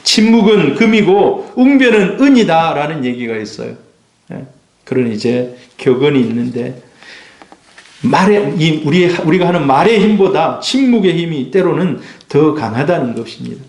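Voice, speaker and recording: A man's voice: fairly high pitch, normal speed, vocal fry, a little mellow. A man preaching a sermon as a pastor, emphatic and full of rhetorical questions to his congregation. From South Korea. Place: church sanctuary. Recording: echoey church hall.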